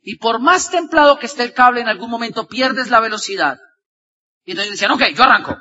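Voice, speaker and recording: High, bright-voiced man. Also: animated, fairly quick, big-room sound, lo-fi sound. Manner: shifts from loud shouting to low murmurs, acts out dialogue. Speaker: motivational speaker. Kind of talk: energetic motivational talk with storytelling.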